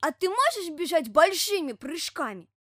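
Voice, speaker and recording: A woman voicing a naive, playful little male bear cub in a storybook reading, eager and excitable. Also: normal speed, dry recording, clean studio sound, exaggerated voice. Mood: excited. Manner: eager, excitable, high and bright.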